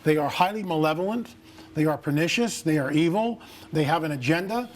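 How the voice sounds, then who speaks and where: A man's voice: a little high, expressive, fairly quick. Confident, storytelling male guest. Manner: confident storytelling, emphatic, declarative. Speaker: interview guest, researcher. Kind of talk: TV interview.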